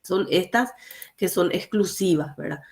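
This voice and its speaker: A woman's voice: fairly low pitch, a little slow, darkish tone. A woman teaching an online class, explaining grammar step by step with frequent fillers and two languages mixed together.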